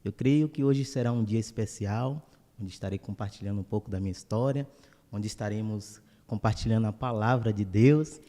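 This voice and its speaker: Young preacher, mellow voice. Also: male voice, lowish voice, normal speed, big-room sound. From Salvador, Bahia, Brazil. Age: 20s. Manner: warm, grateful churchly greetings. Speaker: guest preacher, church elder. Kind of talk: casual interview talk.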